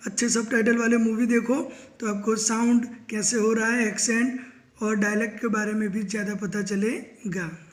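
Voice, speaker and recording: Indian male English tutor, high voice, talks straight to students, mixes in English. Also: flat delivery, moderate pace. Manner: addresses students directly, mixing English phrases into Hindi. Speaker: spoken English teacher. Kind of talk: explanatory lesson.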